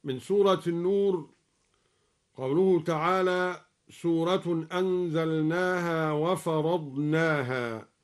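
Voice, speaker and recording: Slow high-voiced man teaching recitation. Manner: slow measured explanation, melodic drawn-out chanting. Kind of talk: explaining then chanting Quran recitation. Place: radio studio.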